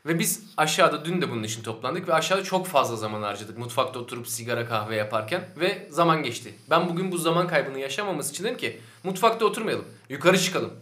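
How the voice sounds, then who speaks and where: Man, podcast host, slightly high voice, quick, argumentative, roomy echo. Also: bright, forceful tone. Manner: argumentative, mock-indignant. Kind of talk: casual podcast banter.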